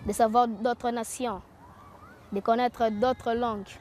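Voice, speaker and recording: A young woman and newcomer student, speaking calmly and reflectively in a documentary interview. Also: fairly high pitch, slow pace, a little hiss or hum.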